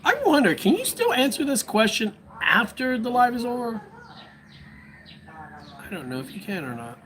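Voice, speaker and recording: A man's voice: very high voice, big pitch swings, normal speed, fairly bright tone, slight background noise. An American man hosting a casual livestream, rambling and musing aloud to his viewers from home. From United States. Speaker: livestream host.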